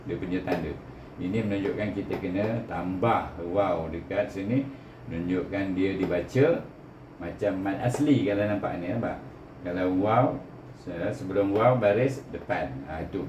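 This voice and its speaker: In an echoey room with faint noise, a Malaysian Quran teacher with a fairly low voice walks through recitation one step at a time at a moderate pace. He sounds out every syllable carefully and didactically, frequently closing points with a quick "eh."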